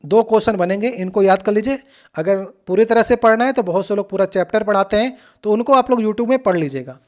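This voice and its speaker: Speaking at a medium pitch, a coaching teacher goes through previous exam questions steadily and explains each one. The teacher addresses the students directly and checks in with a quick "okay" before moving on.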